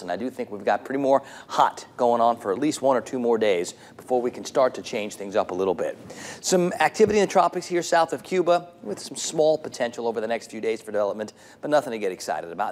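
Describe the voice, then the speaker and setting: A man delivers a morning weather forecast for television, moving from temperatures to rain chances. His voice sits in a middle pitch, and his delivery stays relaxed and conversational rather than stiffly read. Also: fast, slight background noise.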